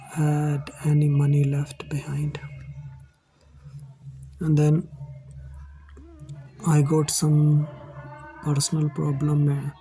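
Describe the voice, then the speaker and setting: A man from India with an Indian English accent, telling his own life story to his viewers in a halting, earnest way. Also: a little high, warm tone, rough recording. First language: Hindi. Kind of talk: personal storytelling to camera.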